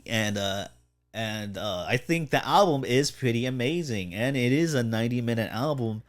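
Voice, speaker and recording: A man's voice: mid-range voice, lively intonation, normal speed. A man co-hosting a podcast in casual chat, telling stories in a rambling way, swearing constantly and laughing often. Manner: profane, rambling storyteller with frequent laughs. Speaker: podcast co-host.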